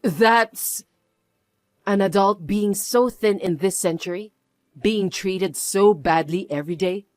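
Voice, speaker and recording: A reader voicing a middle-aged protective mother who speaks low, cold and firm in a scripted audio story. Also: slow pace, no echo, studio quality, lightly acted.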